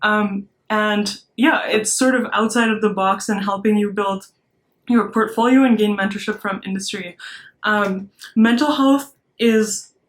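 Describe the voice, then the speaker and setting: A woman's voice: mid-range voice, fairly even intonation, unhurried. A young woman from Malaysia, a startup founder giving an earnest recorded talk to students, with many ums and restarts. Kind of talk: recorded motivational speech.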